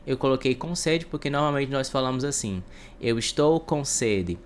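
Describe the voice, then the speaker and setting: A man with a Brazilian Portuguese accent, teaching an English lesson and translating each example. He reads the English phrases slowly and with care. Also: medium pitch, lively intonation, slight background noise. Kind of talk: explanatory online lesson.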